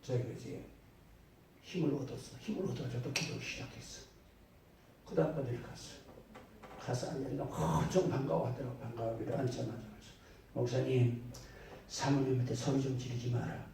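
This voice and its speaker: A male pastor tells stories from the pulpit, sometimes quiet and sometimes forceful in his emphasis. His voice is dark and mellow. It rings through a very echoey church hall, picked up from some distance away. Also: medium pitch, fairly even intonation, a little fast, gravelly, slight background noise. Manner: storytelling, swings between soft asides and loud emphatic bursts. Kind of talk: sermon. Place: church sanctuary.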